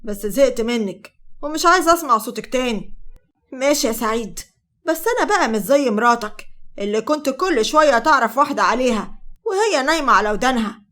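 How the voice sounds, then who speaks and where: A woman voices a brash, mocking young woman with an Egyptian accent in a narrated story. She fires off taunts fast and high. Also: lively intonation, a bit bright. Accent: Egyptian Arabic.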